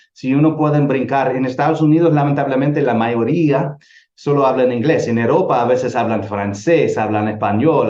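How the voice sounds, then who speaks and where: An earnest middle-aged man from El Salvador lectures to a church group on missions, stopping and restarting his phrases as he thinks. His voice is mellow and dark. The recording sounds roomy and a little dull. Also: medium pitch. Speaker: missions teacher.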